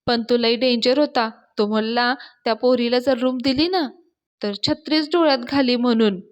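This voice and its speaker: A woman's voice: fairly high pitch, normal speed, natural voice. A woman doing a frightened rustic landlord. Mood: scared. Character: frightened middle-aged male landlord.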